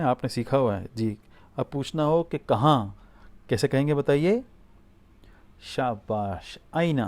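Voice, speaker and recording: A man teaching spoken Arabic, giving prompts, then saying each phrase slowly and asking the listener to repeat it. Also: mid-range voice, darkish tone. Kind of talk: spoken language drill lesson.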